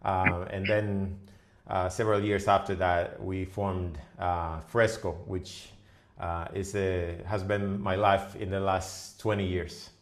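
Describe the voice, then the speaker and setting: A middle-aged man from the Dominican Republic with a fairly low voice, talking as a guest on a business podcast. He speaks haltingly, restarting phrases and filling pauses as he works through his thoughts. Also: little pitch movement, a little hiss or hum. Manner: halting, many fillers and restarts. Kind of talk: podcast interview.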